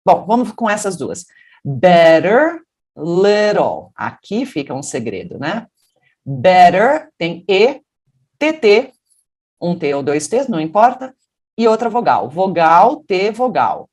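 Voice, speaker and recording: A woman from Brazil teaching English pronunciation, explaining patiently and then modeling English words in a deeper voice. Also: very animated, unhurried, darkish tone. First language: Portuguese. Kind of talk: pronunciation lesson.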